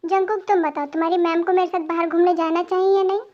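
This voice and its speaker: A woman's voice: extremely high pitch, flat delivery, fast talker. A woman voicing a stern, strict father in an amateur fan dub, firm and commanding. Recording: dull lo-fi home recording.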